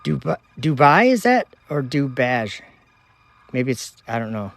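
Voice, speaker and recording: A man hosting a relaxed livestream, reading comment after comment aloud in an easygoing, chatty way. His voice sits in an ordinary middle pitch. He is talking outdoors at night beside a telescope. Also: a little slow, creaky, no room sound. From Minnesota, United States. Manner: relaxed, reads viewer locations aloud in a chatty running list. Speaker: livestream host.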